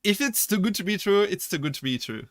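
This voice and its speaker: A man's voice: high voice, lively intonation, fast talker, fairly bright tone, no room sound, clean studio sound. A man streaming as a VTuber, chatting casually, rambling, correcting himself and laughing often as he answers chat.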